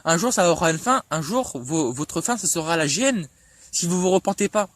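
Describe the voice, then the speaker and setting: A man with a fairly high voice delivers an impassioned rebuttal video about faith. He stammers, repeats words and restarts his sentences often. He scolds his rival directly and presses him with question after question. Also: expressive, moderate pace, fairly bright tone, dry recording.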